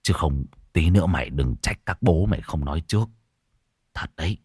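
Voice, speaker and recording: A man doing a sly, hushed older man. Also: expressive, moderate pace, husky, dry recording, studio quality, full character voice. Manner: low, murmuring, conspiratorial.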